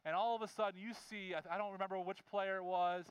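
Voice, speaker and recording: High, smooth-voiced man preaching. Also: fairly even intonation, fast talker, no echo, highs cut off. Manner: earnest, conversational, frequent restarts. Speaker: pastor. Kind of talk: sermon.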